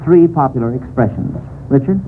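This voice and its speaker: An American man hosts a 1940s radio quiz in a mid-range voice with lively intonation at normal speed. He chuckles often and encourages the contestants, heard through a tinny, faintly noisy old radio broadcast.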